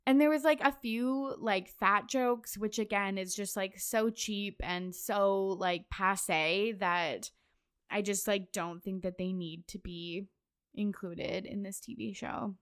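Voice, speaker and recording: A young woman talks through a casual solo podcast in a smooth, clean voice. She is chatty and loose, scattering fillers and breaking into quick laughs as she goes. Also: mid-range voice. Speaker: podcast host.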